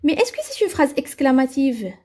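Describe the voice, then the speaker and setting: High-voiced woman teaching grammar. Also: very animated, normal speed, darkish tone. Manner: asks the class questions and answers them herself; repeats "c'est bon?" to check understanding. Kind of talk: grammar lesson for children.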